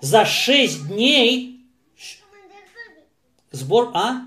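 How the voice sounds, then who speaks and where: A man telling a religious story in a halting way, with many restarts and fillers. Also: high voice, big pitch swings, pushed and bright. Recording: echoey room.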